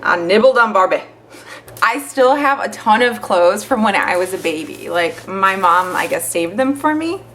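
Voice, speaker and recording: A young woman chatting to the camera as a vlogger, telling stories with lots of fillers in an animated way. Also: medium pitch, normal speed, slight background noise. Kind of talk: casual chat to camera.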